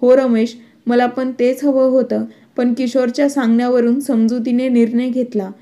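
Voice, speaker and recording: A gentle middle-aged father, calm and conciliatory, voiced by a woman reader. Fairly high, even and mellow, in a narrated storybook. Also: moderate pace, lightly acted.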